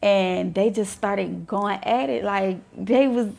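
Gravelly-voiced woman recounting drama. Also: medium pitch, takes it slowly. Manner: animated retelling with quoted dialogue. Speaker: reality show cast member. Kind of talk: confessional interview. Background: music.

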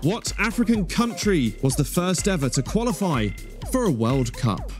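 A British man hosts a studio game show in the projected style of a prize announcer. His voice sits a little high for a man, with light music behind him. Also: sing-song, normal speed.

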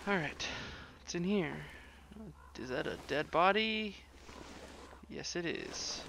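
A man giving casual live gameplay commentary, excitable and sweary, sometimes stammering. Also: sits high, slow, vocal fry, noisy background. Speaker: live game streamer.

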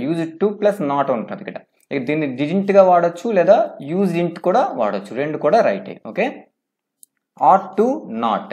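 A man lectures on English grammar, his fairly high voice swinging widely in pitch. He explains step by step, reads out each English form slowly and keeps checking in with "okay?". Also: darkish tone. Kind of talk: classroom lecture.

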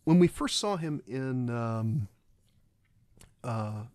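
A man's voice: mid-range voice, expressive, a little mellow. A man giving a casual, rambling film commentary, often stopping and restarting his sentences. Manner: halting and rambling, many restarts.

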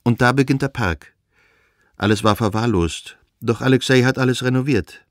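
In an audiobook reading, a male reader voices Anna, a young noblewoman who speaks eagerly, tenderly, and enthusiastically about her own happiness. His medium-pitched voice is close to an everyday one, at a moderate pace, in clean studio sound with no room sound.

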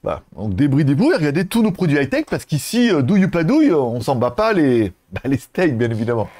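A man's voice: a little high, sing-song, a little fast, a little mellow. A man hosting a casual product review vlog, joking and playful, with lots of asides. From France. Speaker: product reviewer and channel host.

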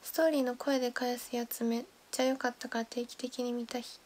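High-voiced young woman chatting on a livestream. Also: flat delivery, brisk. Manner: chatty, thanks viewers by name, drops to soft whispers. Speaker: idol livestream host. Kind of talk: casual livestream chat reading comments.

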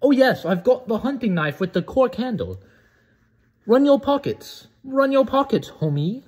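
A man putting on a squeaky British street tough. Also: sing-song, a little slow, breathy edge, exaggerated voice. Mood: taunting. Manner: exaggerated slang-heavy taunting, high and shouty. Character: mock teenage British street tough, male, boastful and threatening.

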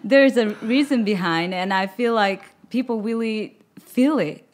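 Speaking slowly with a Japanese accent, this guest singer halts and stops to find her words, her soft voice pitched fairly high. It's a casual interview chat, captured on a boom-mounted studio mic in a room with a record-lined wall.

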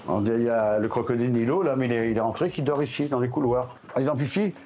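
A man in his seventies, a reptile keeper, giving a lively casual tour and coaxing his animals in a higher voice. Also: quick pace, a little hiss or hum. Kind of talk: casual guided explanation.

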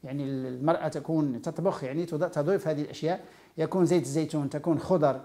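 A man's voice: on the high side, steady tone, rapid-fire, dark tone. A man with a Moroccan accent giving an informal health lecture, explaining by listing items one after another. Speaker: nutrition educator.

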